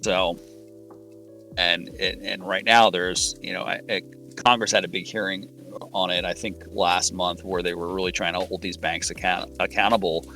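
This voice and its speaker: A man in casual conversation as a guest, talking in halting bursts with many restarts and fillers. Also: deep voice, level tone, pushed and bright, faint music behind. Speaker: guest scambaiter. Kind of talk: casual chat.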